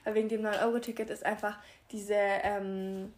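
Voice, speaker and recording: A woman's voice: medium pitch, little pitch movement, moderate pace. A young woman in casual chat, telling stories in a filler-heavy way and acting out what people said, recorded on wireless earbuds. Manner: chatty storytelling, filler-heavy, acts out quotes.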